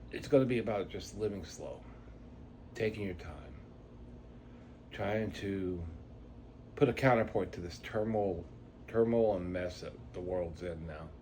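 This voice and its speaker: A middle-aged man talking reflectively and unscripted to viewers, his articulation slurred by missing teeth and a speech impediment, rambling with halting pauses. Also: sits low, darkish tone, a little hiss or hum. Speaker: vlogger introducing a channel.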